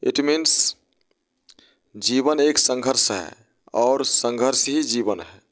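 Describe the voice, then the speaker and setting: A man gives a patient spelling lesson at a very slow, deliberate pace. He sounds out each word syllable by syllable and spells it letter by letter. His voice sits at an ordinary middle pitch. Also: lively intonation. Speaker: English teacher.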